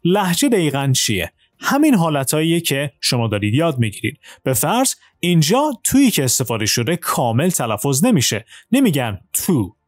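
A male English teacher giving a lesson, explaining quickly in Persian and reading English examples slowly and carefully. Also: a little high, sing-song, no echo, clean studio sound. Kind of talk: language lesson, switching between Persian and slow English.

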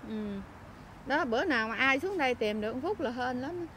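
A woman with a Southern Vietnamese accent, a vlogger chatting on the street who fusses, scolds and keeps exclaiming out loud. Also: high voice, animated, normal speed, slight background noise. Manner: scolding and fussing, exclaims often. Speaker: vlogger helping homeless people. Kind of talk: casual on-street chat. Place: outdoors by a street.

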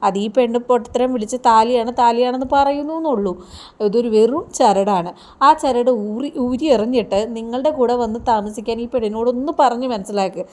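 A woman's voice: a little high, brisk, dark tone, lightly acted. A woman voicing a brusque young male thug who dismisses his new wife, in a TV serial recap. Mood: dismissive.

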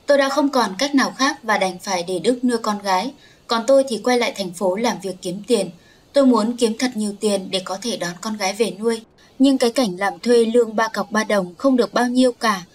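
A woman storyteller narrating a sorrowful first-person story in a confessional way. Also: mid-range voice.

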